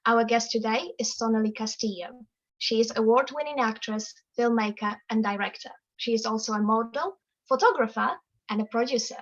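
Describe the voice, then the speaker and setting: A woman co-host introducing her guest and asking questions, reading in a measured, formal way over a video call. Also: fairly high pitch. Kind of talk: scripted guest introduction, then interview questions. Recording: dull lo-fi call audio.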